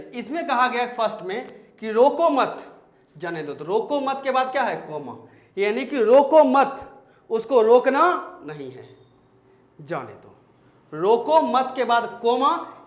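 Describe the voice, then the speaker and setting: A man teaching English grammar at a whiteboard, speaking, often asking his students questions and repeating example sentences slowly. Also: very high-pitched. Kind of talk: classroom lecture at a whiteboard. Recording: echoey room.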